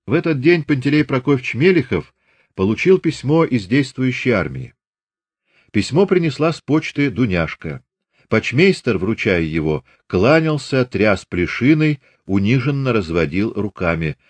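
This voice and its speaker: A man narrating a literary audiobook in a measured, expressive reading. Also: mid-range voice, no echo.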